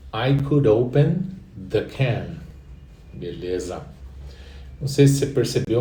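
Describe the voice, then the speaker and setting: A man with a Brazilian Portuguese accent teaching an English lesson, patiently repeating each phrase slowly for the learner. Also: mid-range voice, mellow. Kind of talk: online language lesson. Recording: roomy echo, distant from the mic.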